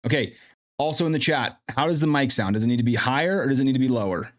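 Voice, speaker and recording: Talking quickly in a mid-range voice, this man hosts a casual live stream and muses aloud as he troubleshoots his audio. Faint background music runs under his streaming mic, which has in-ear monitoring.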